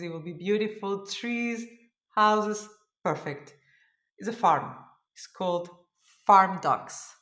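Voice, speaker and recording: This time the Portuguese-speaking cross stitch host sounds medium-pitched and a bit bright, recorded in an echoey room. Tired from a long day, she chats casually through her show-and-tell vlog, thinking aloud and looking for the right words.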